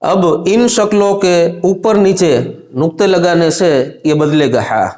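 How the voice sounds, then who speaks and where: A man teaching a children's lesson on Arabic letters, asking the same questions again and again and calling for the answers out loud. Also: high voice, slow. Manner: repeats questions, prompts pupils to answer loudly. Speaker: Quran reading teacher.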